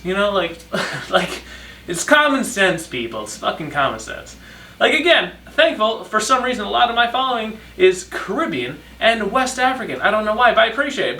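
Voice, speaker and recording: This young man hosts a podcast, rambling through stories in a casual, sarcastic, and profane way. His voice is high-pitched, pushed and bright, and it sounds distant and echoey in the room.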